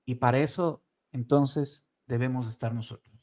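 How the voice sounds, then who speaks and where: A man hosting a talk show, speaking in measured, preacherly phrases about values. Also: medium pitch, fairly even intonation, darkish tone. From Ecuador. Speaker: podcast host. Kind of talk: reflective talk-show commentary.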